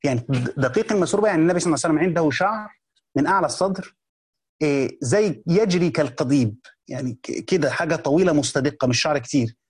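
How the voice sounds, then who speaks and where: A man's voice: on the high side, expressive, racing, slightly rough. A man with an Egyptian accent explaining a classical text in a colloquial lesson, repeating key phrases and restarting words as he goes. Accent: Egyptian Arabic. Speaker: teacher of a hadith book.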